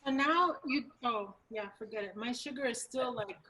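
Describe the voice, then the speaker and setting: A woman chatting on a video call during an online cooking class, animated, dropping Spanish phrases in. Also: a little high, moderate pace, noisy background. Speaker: class participant and panelist. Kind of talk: casual chat.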